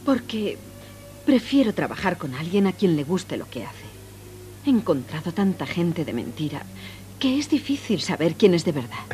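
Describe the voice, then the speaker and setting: A woman's voice: fairly low pitch, big pitch swings, moderate pace, warm tone, soft background music. An actress playing an earnest, eager young working woman in a dubbed film comedy. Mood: tender.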